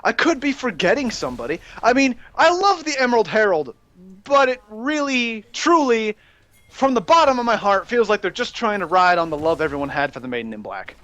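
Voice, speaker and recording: A young man hosting a rambling, excitable gaming rant that breaks into shouting while he plays. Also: high voice, a little fast. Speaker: gaming channel host ranting.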